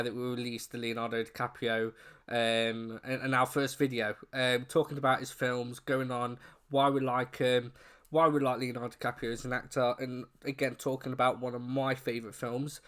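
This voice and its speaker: A man co-hosting a casual film discussion in a chatty, informal way, with slightly unclear R sounds. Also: mid-range voice. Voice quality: trouble pronouncing his R's. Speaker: co-host of a film review show.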